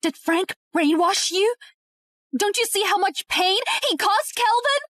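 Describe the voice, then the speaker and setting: Casting: a haughty, confrontational young woman, extremely high voice, quick to anger, short-drama dub, very dry recording. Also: a bit bright, no echo. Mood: indignant anger. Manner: indignant, confrontational. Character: haughty, hot-tempered, accusing young woman.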